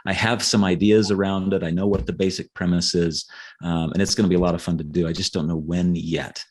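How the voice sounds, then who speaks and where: Speaking a little fast in a level, low-pitched and slightly mellow voice, a middle-aged author guest chats earnestly during a casual interview. Repeated words and frequent "right?" check-ins mark his speech.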